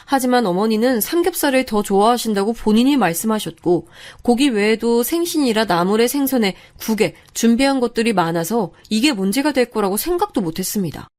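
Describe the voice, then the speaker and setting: A woman's voice: fairly high pitch, darkish tone. Woman narrating a first-person story.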